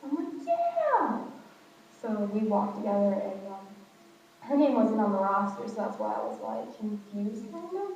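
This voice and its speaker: A woman's voice: mid-range voice, normal speed. A young woman chatting casually in a rambling video diary, telling little stories about her day in a big, echoing indoor space. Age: young adult. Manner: rambling, animated retelling with quoted dialogue. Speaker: college student vlogger. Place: echoey indoor space in a college dorm, with passers-by. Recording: big echoing hall, distant mic, dull, hum.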